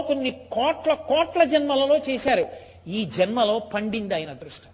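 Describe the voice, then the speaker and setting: A man delivering a devotional discourse, telling stories with emphasis and asking rhetorical questions. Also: very high-pitched. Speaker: spiritual discourse speaker. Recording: long hall reverb.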